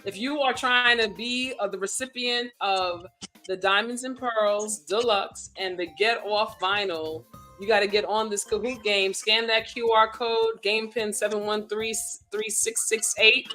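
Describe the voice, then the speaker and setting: Brief: woman co-host, mid-pitched, encouraging and hype-building, prone to repeats, faint music underneath. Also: fairly even intonation, unhurried, bright, forceful tone. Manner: hyping, encouraging, repeats herself. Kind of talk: casual livestream chat.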